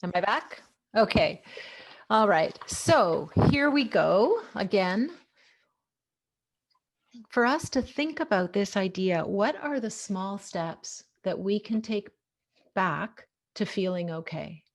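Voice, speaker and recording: A woman's voice: medium pitch, expressive, slow. A woman presenting an online talk to parents, speaking earnestly through a video call microphone that cuts out and makes her volume uneven. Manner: earnest, encouraging, speaks in rhetorical questions. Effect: mic cutting out, uneven volume.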